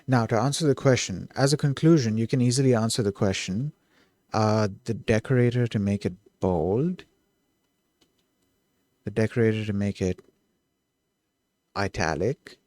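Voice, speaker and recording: A man streaming himself coding, thinking aloud, who gets excited and keeps correcting himself mid-thought. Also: on the low side, normal speed, pauses often, no room sound. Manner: excitable, self-correcting, trails off and restarts.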